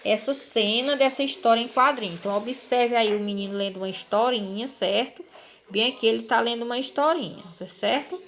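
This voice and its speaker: A woman primary school teacher records a lesson for children, explaining patiently and frequently adding quick tag questions to check understanding. She speaks briskly in a fairly high, fairly bright voice.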